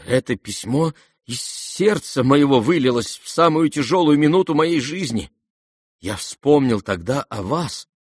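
A man reading aloud and voicing a gentle, simple-hearted young prince who speaks earnestly and guilelessly. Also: mid-range voice, breathy edge, no room sound, clean studio sound, pitched above the performer's own voice, heavily acted.

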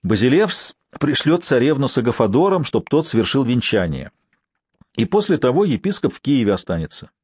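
A man's voice: sing-song, brisk, darkish tone, husky, no echo, clean studio sound. A man narrating a historical novel as an audiobook, reading evenly and lifting his voice for the characters' outbursts. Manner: reads evenly, raises pitch and volume for characters' outbursts.

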